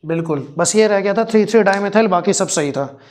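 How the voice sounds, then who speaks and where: A male teacher who teaches a chemistry class, fondly teasing and mock-scolding his students while slowly spelling out formulas step by step. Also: sits high, darkish tone, a little hiss or hum. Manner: affectionate, teasing and scolding, calls students "beta".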